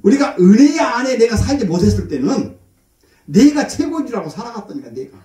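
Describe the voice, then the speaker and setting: Middle-aged male pastor, folksy storyteller, high lively voice, far off in an echoey hall. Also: a little fast. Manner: folksy storytelling, acts out his mother's voice. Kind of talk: sermon. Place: church.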